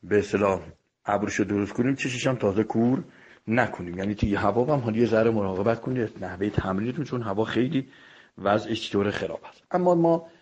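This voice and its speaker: A man's voice: lowish voice, darkish tone, breathy edge, muffled recording. A man teaching a voice lesson in an audio file, explaining each step in a polite, formal way. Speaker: singing and voice coach.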